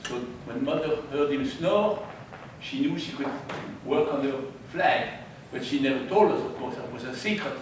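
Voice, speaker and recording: An older Belgian man with a Dutch-French Belgian accent recounts his wartime eyewitness story to an audience, using emphatic, wry humor. His medium-pitched voice has lively intonation and a moderate pace with hardly any pauses. The distant mic catches an echoey room and audible noise.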